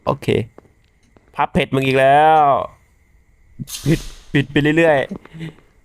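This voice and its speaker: A young man giving casual, excitable commentary while playing a horror game, swearing and talking back to the game's monsters. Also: fairly high pitch, slow. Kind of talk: casual let's-play commentary.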